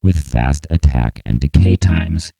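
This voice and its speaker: Explaining his electronic composition, the composer speaks through a vocoder that buzzes and grates as its synth pitch and chords wander randomly. He sounds expressive and dark, reading his script slowly with exaggerated, very proper enunciation.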